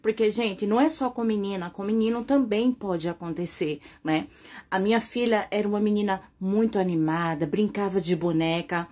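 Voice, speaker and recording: A woman with a Brazilian accent tells her own story as a confessional testimony. She talks to her viewers directly and earnestly, often tagging her sentences with little checks for agreement, at an ordinary mid pitch. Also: moderate pace, mellow. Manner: earnest, addresses viewers directly, frequent tag questions. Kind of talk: confessional first-person testimony.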